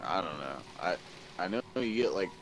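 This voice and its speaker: A man's voice: low voice, animated, normal speed, fairly bright tone. A man playing a video game with a friend, laid-back and teasing, laughing often. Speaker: gamer co-op player. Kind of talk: casual gaming chat.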